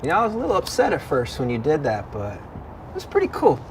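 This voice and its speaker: A man's voice: on the high side, wildly swooping pitch, fast talker, heavy background noise. A man playing a sensitive macho buddy in a goofy, clueless sitcom voice, in an exaggerated 90s parody style. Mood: awkwardly sincere.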